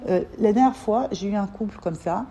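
A woman with a mid-range voice leads an informal religious class for a group of women, speaking briskly and with animation. As she explains, she repeats words and acts out little dialogues.

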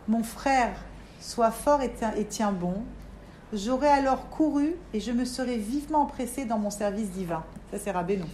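High-voiced woman teaching a lively class. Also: slight background noise. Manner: animated, talks straight to listeners, acts out inner voices. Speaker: teacher of a women's religious class. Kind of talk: lively spoken religious lesson. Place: room with a group of women.

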